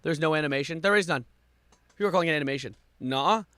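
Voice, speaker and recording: Guy streamer reacting live, kinda high sharp voice, fed up and sarcastic, dry close sound. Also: racing, no echo. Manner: exasperated, sarcastic complaining.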